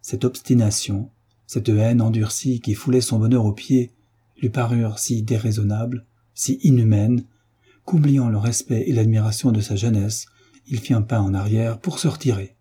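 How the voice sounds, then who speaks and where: A man narrating a classic novel in a measured, solemn way. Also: lowish voice, steady tone, warm tone, breathy edge. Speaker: audiobook reader. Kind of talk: literary narration.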